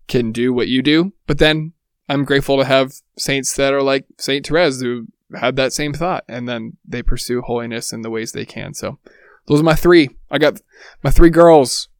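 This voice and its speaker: A man's voice: medium pitch, creaky, dry recording, clean studio sound. A man co-hosting a podcast, talking with enthusiasm and rambling as he searches for words. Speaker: podcast co-host. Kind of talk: casual podcast chat.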